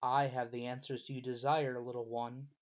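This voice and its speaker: A man's voice: medium pitch, little pitch movement, normal speed, close to an everyday voice. A man voicing a pleasant, soothing, whispery presence calling from a glowing abyss in a storybook, slightly muffled recording. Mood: beckoning.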